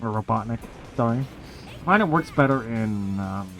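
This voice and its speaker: Male gaming commentator, mid-pitched, casual, sardonic and foul-mouthed, music behind him. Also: lively intonation, moderate pace, creaky, fairly bright tone. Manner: sarcastic, sweary, complaining. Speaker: let's play host. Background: video game music.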